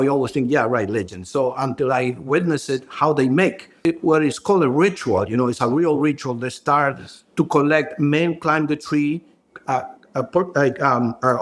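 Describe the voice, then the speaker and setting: Brief: man, a co-founder, halting and searching for words, slightly high voice. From Ecuador. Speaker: brand co-founder and hairstylist. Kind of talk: podcast interview.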